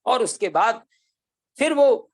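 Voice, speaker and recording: A man's voice: very high-pitched, lively intonation, slow, no echo, low-quality recording. A man, a Vedic scholar, giving a religious discourse, telling old stories earnestly and chanting Sanskrit verses. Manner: storytelling, earnest and devotional.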